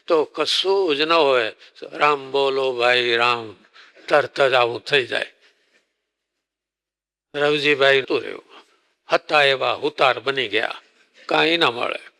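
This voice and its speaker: A man's voice: a little high, sharp tone, big-room sound. A man, a swami preacher, telling a devotional story as a sermon and acting out the dialogue. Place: temple hall.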